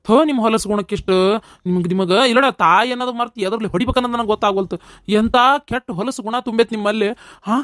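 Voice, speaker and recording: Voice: mid-range voice, fairly bright tone, dry recording, studio quality, close to an everyday voice. Voice actor doing an angry North Karnataka husband. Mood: scolding. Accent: North Karnataka Kannada. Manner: scolding, disgusted, rapid. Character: angry village husband, scolding his in-laws. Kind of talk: cartoon comedy voice acting.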